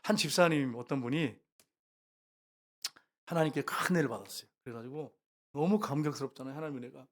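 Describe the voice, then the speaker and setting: A man preaching a sermon to his congregation as their pastor. He speaks with emphasis and often rises to loud, repeated calls to the listeners. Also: mid-range voice, brisk, pauses often. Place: church sanctuary.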